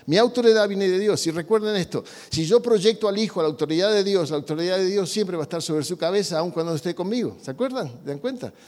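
A man's voice: high-pitched, animated, quick pace, hardly any pauses, a little mellow. Man preaching in a reverberant hall. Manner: conversational preaching with rhetorical questions. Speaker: pastor. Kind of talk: sermon on parenting.

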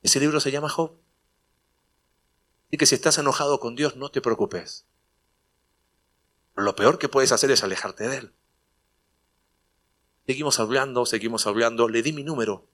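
Male preacher, bright tone, mid pitch; storytelling sermon that builds to emphatic points. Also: moderate pace, long pauses. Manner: conversational storytelling, acting out dialogue, rising to emphatic preaching. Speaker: pastor. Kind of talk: sermon with personal anecdote.

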